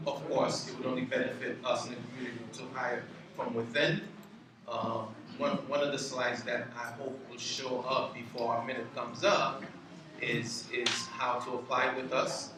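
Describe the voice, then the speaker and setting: Male business owner, halting flat delivery at a community meeting, distant in a noisy, echoey hall. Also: mid-range voice. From Haiti. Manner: halting, many ums and restarts. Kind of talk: public meeting presentation. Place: community board meeting room. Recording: roomy hall, distant mic, background noise.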